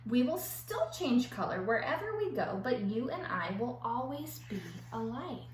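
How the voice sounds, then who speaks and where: A woman reading the part of an older, wiser chameleon who consoles in a measured way, in a children's storybook. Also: a little high, big pitch swings, far from the mic. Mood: consoling. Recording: echoey room with faint background noise.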